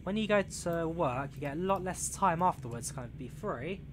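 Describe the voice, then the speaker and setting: Slightly high, with lively intonation and a normal speed, this young man from England is just turning twenty. He's live-streaming a train simulator, chatting loosely and reading chat aloud with frequent fillers. The game's engine and rail noise is clearly present behind the voice.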